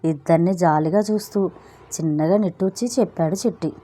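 Woman storyteller, story reading, mellow, lowish pitch. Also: fairly quick.

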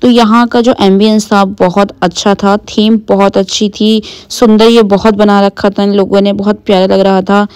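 A young woman talks through her outing in a relaxed, chatty voice-over. She describes the places and food in an easy, conversational way, as a vlogger speaking to her viewers. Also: mid-range voice, moderate pace, few pauses, smooth. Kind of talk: travel and food vlog voice-over.

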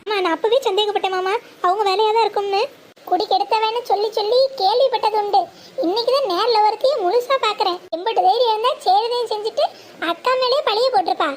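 A woman with a very high, bright voice acts out a rural family drama, jumping between characters in fast, emotional dialogue. Faint background noise sits under the recording. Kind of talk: village family drama, voicing many roles.

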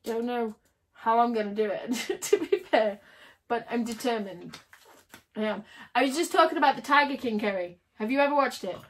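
A woman's voice: on the high side, normal speed. A woman livestreaming casually, chatting and giggling with viewers while she builds. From United Kingdom.

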